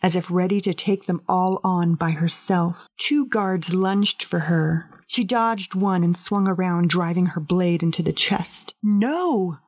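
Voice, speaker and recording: A woman tells a fantasy tale in the first person, earnest and measured. Her voice sits a little low, and the recording is close and dry with no room sound. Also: steady tone, darkish tone, dry recording. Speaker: narrator.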